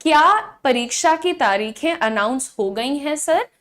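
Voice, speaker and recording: High-voiced woman teaching spoken English. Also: expressive, fairly bright tone. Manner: says English model sentences slowly and clearly, then explains in Hindi; acts out chattering students in a quick high voice. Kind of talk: online spoken-English class.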